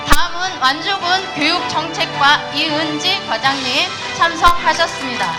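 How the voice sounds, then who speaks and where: A woman's voice: very high voice, normal speed, over loud music. A woman emceeing a ceremony, politely introducing guests one by one in a formal announcing style. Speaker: event emcee.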